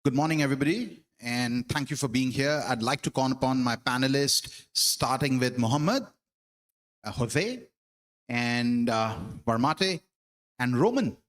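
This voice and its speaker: A man's voice: mid-range voice, a little slow, fairly bright tone. A man from New Zealand with a Kiwi accent, moderating a panel in a friendly, informal way.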